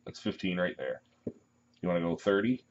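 A man running a tabletop game as game master, calling turns and results in a relaxed way. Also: low-pitched, background noise. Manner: relaxed, brisk turn calling with laughs. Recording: muffled lo-fi table recording.

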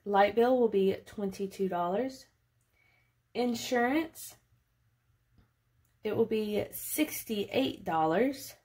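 A budgeting vlogger in her late twenties narrates a casual walkthrough of her budget, chatty and thinking aloud. Her mid-range voice has lively intonation, a darkish tone and a breathy edge, and she takes it slowly with long pauses.

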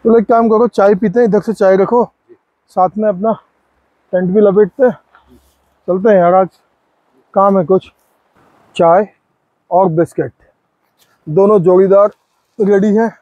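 This casual camping vlog features a man in his forties talking to viewers and friends beside a river in the forest, filmed up close on a handheld phone. His high-pitched voice stays steady and a little slow, and he pauses often. The audio is lo-fi, with no room sound.

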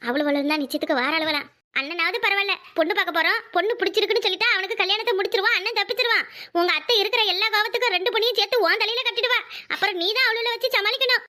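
A woman's voice: very high voice, very fast, bright, forceful tone. A woman voicing a bossy village mother in a cartoon, scolding and nagging, with a Tirunelveli Tamil accent. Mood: lecturing. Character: bossy village mother, fussing over engagement. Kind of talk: cartoon voice acting.

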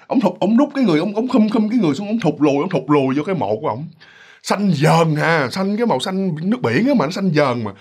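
A man with a Southern Vietnamese accent telling a ghost story in a casual, animated way, often addressing listeners directly. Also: a little high, breathy edge.

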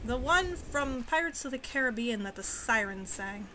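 A woman's voice: a little high, lively intonation, normal speed, background noise. A young woman giving goofy, sarcastic let's-play commentary with mock-old-fashioned quips. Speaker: gamer.

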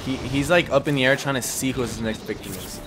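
A man's voice: medium pitch, quick pace, noisy background. A young man on a gaming headset chatting casually about his gameplay and hyping up the fights. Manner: excitable, shouts during fights. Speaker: gaming YouTuber. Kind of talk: casual gameplay chat and vlog intro.

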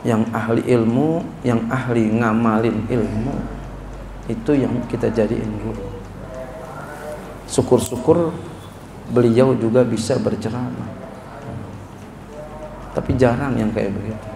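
Male preacher, gravelly tone, echoey room with a faint hum, colloquial lecturing style. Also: mid-range voice. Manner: reads Arabic slowly then explains in colloquial speech, rising to animated scolding. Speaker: kyai teaching a classical text. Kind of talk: sermon-style kitab lesson.

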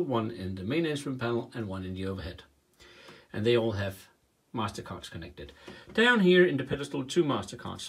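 Brief: male hobbyist tutor, slightly husky tone, lively rise and fall, walks through the wiring step by step at a whiteboard. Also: medium pitch. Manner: talks while drawing diagrams, counting wires aloud with pauses. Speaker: home cockpit builder explaining wiring. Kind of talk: casual hands-on tutorial. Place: indoors, workshop by a whiteboard.

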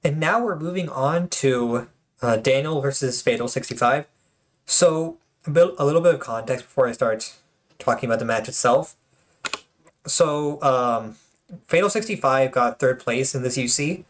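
A man's voice: medium pitch, moderate pace. A man hosting his own channel and commenting casually on tournament replays, chatty and joking, with lots of fillers and restarts.

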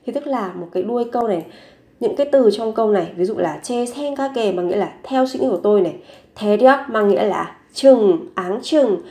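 A woman language teacher explaining grammar patiently, repeating example phrases slowly and clearly. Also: medium pitch, lively intonation, dark tone. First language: Vietnamese. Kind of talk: teaching Korean grammar in Vietnamese.

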